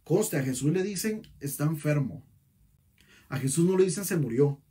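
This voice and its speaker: Male pastor, husky voice, fairly high and lively pitch, sermon. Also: normal speed. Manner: animated preaching with rhetorical questions.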